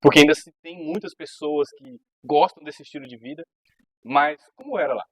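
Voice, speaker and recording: A man hosting a podcast interview, conversational and quick to chime in with short affirmations. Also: a little high, fairly bright tone, slightly rough, dry recording, highs cut off. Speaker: podcast host. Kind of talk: casual interview chat.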